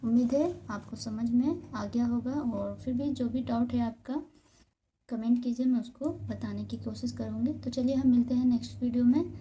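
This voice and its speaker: A woman's voice: a little high, normal speed, mellow, a little hiss or hum. A woman teaching beginners the alphabet, patiently repeating each example word. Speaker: Urdu teacher. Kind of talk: beginner's Urdu alphabet lesson.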